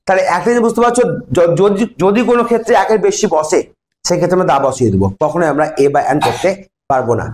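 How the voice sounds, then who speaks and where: A man's voice: high voice, racing, darkish tone. A man with a Bengali accent teaching an English grammar lesson to a class, explaining step by step and asking students questions. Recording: echoey classroom.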